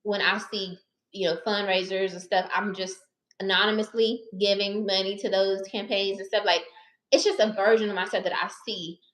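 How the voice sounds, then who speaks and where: Woman in her 30s just chatting to the camera, calls everyone y'all, mid-pitched voice, kinda echoey room. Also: little pitch movement, moderate pace, a bit bright. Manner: chatty, direct, addresses viewers as y'all and baby. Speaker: personal finance YouTuber and licensed therapist. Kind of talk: casual chat to camera. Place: her living room or car. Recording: roomy echo.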